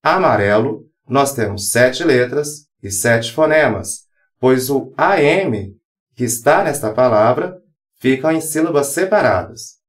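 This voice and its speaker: A man in a scripted grammar lesson, speaking at a slow, careful pace with a mid-range voice. He spells examples letter by letter and pauses between each word. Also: medium pitch, animated. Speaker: teacher.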